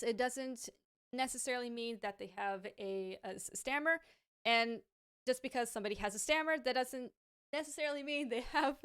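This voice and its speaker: Talking casually to the camera, a woman answers questions from viewers in a smooth, clear voice that's slightly high and fairly bright. She stammers frequently, repeating sounds and restarting words, yet remains thoughtful and candid, laughing lightly now and then.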